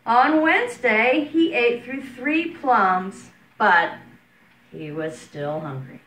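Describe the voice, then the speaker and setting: A middle-aged preschool teacher with a fairly high voice reads a picture book aloud to young children in an expressive, deliberate way, mixing in chatty announcements. She sits at a wooden table in a home room, recorded by a camera across the table, so the sound is roomy and distant with background room noise.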